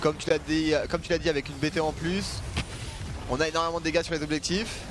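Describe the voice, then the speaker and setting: A man's voice: fairly high pitch, fairly even intonation, fast. A man doing live esports commentary as a caster, speaking emphatically and often repeating phrases for effect. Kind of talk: live esports commentary, excited play-by-play and analysis. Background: music under the voice.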